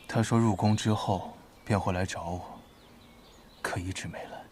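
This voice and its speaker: An actor playing a calm, clever young nobleman who speaks quietly and with measure. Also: deep voice, slight background noise, lightly acted. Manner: quiet, measured, sometimes whispering. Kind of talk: period drama acting.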